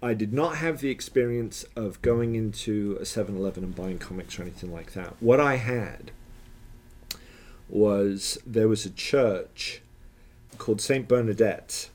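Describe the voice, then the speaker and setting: A lower-pitched man from South Florida chats casually on a podcast. He tells long, winding anecdotes and drops in dry little jokes along the way. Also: measured pace, a little mellow. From South Florida, USA. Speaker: podcast co-host. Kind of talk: casual chat.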